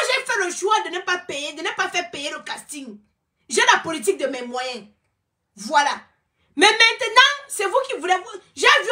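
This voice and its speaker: A woman's voice: very high voice, sharp tone. A woman, a film producer ranting and scolding her viewers on a live social media video. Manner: scolding, mocking, insulting. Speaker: film producer running a casting.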